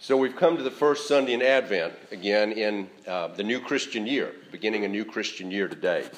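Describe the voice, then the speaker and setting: A man preaching a sermon, speaking in a measured, conversational way with frequent fillers and restarts. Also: fairly low pitch. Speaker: pastor.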